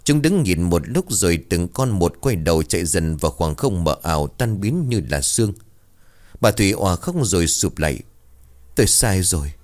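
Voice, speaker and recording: A man narrating a ghost story in a slow, atmospheric storytelling manner. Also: deep voice, sing-song, a little mellow.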